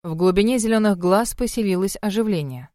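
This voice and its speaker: Женщина размеренно читает рассказ от первого лица. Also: female voice, mid-range voice, fairly quick, mellow, dry recording, clean studio sound. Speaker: audiobook narrator. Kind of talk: first-person story narration.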